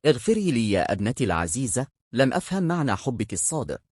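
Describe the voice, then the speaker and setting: A man voicing a proud, quick-tempered old king in a storybook tale, with a husky, commanding delivery. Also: mid-range voice, sing-song, a little mellow, no echo, clean studio sound. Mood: remorseful. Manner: commanding and regal. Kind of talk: storybook character reading.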